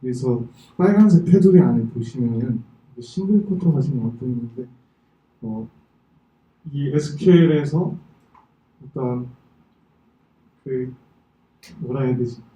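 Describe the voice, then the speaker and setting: A twenty-year-old man giving an informal technical talk, halting as he searches for words, with slightly impaired articulation after dental work. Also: mid-range voice, mellow. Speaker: conference presenter. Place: indoor talk venue. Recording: muffled, echoey room, distant microphone.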